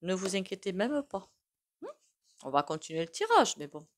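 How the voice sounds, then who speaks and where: A woman's voice: medium pitch, huge pitch swings, moderate pace. A woman with a regional French accent doing a casual tarot reading to camera, chatty and rambling with lots of fillers. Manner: chatty, rambling, with many fillers and self-asides. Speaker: tarot reader.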